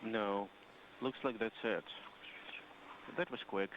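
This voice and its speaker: A man relaying talk over a crackly space radio link, halting, with frequent fillers. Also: on the low side, fairly even intonation. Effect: space radio link, crackly and muffled. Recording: muffled radio link with loud static hiss.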